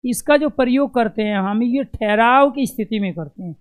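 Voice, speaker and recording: A man's voice: very high-pitched, moderate pace. A man teaching an exam-prep lesson, who asks questions and answers them himself and repeats the key terms to drill them in.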